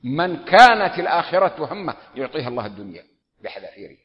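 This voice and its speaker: Male preacher, questions the audience, slightly high voice, lo-fi hall recording. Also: sing-song, fast talker. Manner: asks the audience repeated questions. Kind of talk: sermon. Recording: dull lo-fi audio with long hall reverb.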